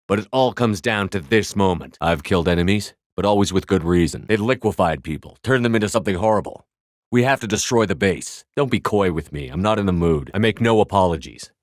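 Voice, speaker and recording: A hardened male military commander of a starship for a video game. His voice sits on the low side, with a clipped, authoritative way of giving orders and a dry edge to the delivery. The sound is clean and dry, with very little room around it. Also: expressive, brisk, no room sound. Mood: cool, stern.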